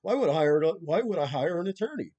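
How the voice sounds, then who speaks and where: Through a muffled recording comes a slightly high, warm male voice, animated and quick. He's a caller in a confrontational phone argument, repeating himself, pressing insistently, combative and heavy on legal terminology.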